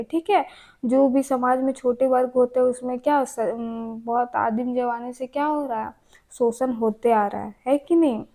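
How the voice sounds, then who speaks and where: A woman's voice: on the high side, dark tone. A young woman teaching a casual exam-prep lesson, chatty, who keeps asking and then answering her own questions.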